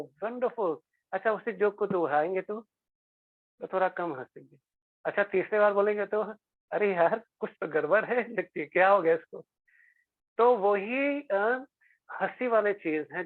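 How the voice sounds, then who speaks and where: High-voiced, slow spiritual teacher. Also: male voice, vocal fry, dry recording. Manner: asks the listeners rhetorical questions; slips English phrases into Hindi. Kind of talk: devotional lecture. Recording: dry, phone-like narrow sound.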